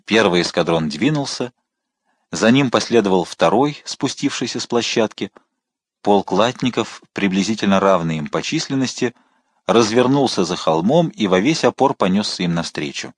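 A male narrator reads an adventure novel aloud with dramatic expression. His voice sits fairly low and sounds dry and close, with no room echo. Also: moderate pace. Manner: expressive, shifting to voice the characters. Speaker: audiobook narrator.

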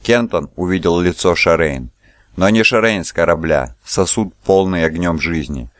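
A man reading a novel aloud as a narrator, in an even, measured way. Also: sits low, no echo, clean studio sound. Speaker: audiobook narrator. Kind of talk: scripted narration.

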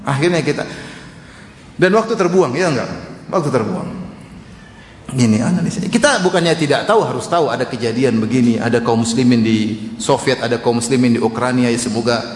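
A man's voice: mid-range voice, brisk, a little hiss or hum. A man preaching a sermon in a conversational, teasing way, often throwing rhetorical questions to his listeners. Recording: echoey hall reverb.

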